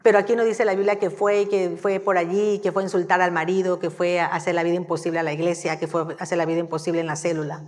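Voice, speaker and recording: A woman giving a sermon in a church, telling the story in a lively, conversational way. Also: on the low side, fast talker, hardly any pauses. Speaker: church speaker. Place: church hall. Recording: long hall reverb.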